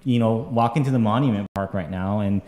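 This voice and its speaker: Rambling low-voiced man in an echoey room. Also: brisk, dark tone. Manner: rambling, many fillers and tag questions. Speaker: game developer on a dev stream. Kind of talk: casual panel chat. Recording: echoey room with long reverb.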